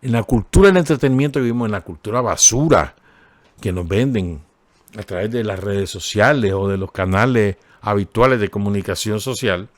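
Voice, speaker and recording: This radio commentator, whose accent is Nicaraguan Spanish, has a lowish voice and talks at a normal speed with no room sound. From the studio he reads through a column and remarks on it conversationally, checking in with his audience and slipping in irony.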